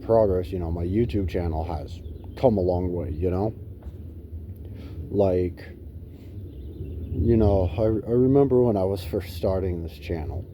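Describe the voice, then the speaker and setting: A man's voice: sits low, muffled recording, a little hiss or hum. A man chatting casually and rambling to his viewers as a gaming vlogger, recorded on a phone. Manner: swears casually. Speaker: gaming YouTuber.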